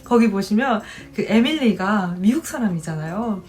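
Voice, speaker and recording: A woman in her twenties telling stories casually to her viewers, chatty and animated, acting out the people she met. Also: medium pitch, moderate pace. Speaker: vlogger. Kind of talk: casual storytelling to camera.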